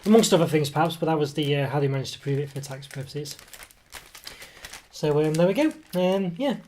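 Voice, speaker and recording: A man with a cold, whose voice keeps coming and going, reviews a snack casually at an indoor table as a food reviewer, recorded by a table camera mic. His talk is rambling and hesitant, with many fillers and self-corrections. He speaks on the high side, fairly quickly, with lively intonation and a darkish tone, over slight background noise.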